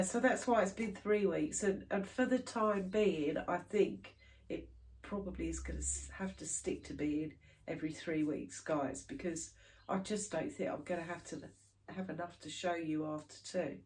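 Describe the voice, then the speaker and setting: Talking to camera about her stitching, this woman in her 30s sounds congested from hay fever. The cross stitch vlogger's voice is fairly low-pitched and a little mellow, and her casual chatter wanders, full of fillers.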